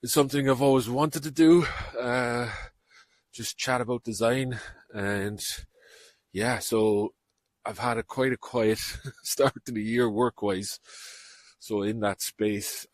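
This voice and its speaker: A man's voice: fairly low pitch, no echo. Rambling man hosting a podcast. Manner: rambling, chatty, self-deprecating. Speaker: podcast host. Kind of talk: casual podcast outro. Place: outdoors on a walk.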